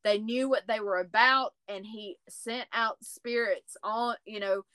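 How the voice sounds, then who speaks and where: Bright animated woman telling stories. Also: medium pitch, unhurried. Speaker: podcast co-host. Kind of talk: casual storytelling.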